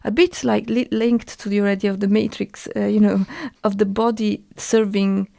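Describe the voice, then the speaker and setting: A woman from Italy with an Italian accent, a guest artist talking thoughtfully with many pauses and restarts. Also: medium pitch, level tone, vocal fry, dark tone, no echo, clean studio sound. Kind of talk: casual discussion.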